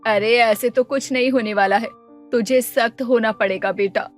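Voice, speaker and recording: A woman's voice: a little high, fairly even intonation, normal speed, faint music behind, lightly acted. Woman doing a stern worried mother. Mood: lecturing. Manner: lecturing, firm.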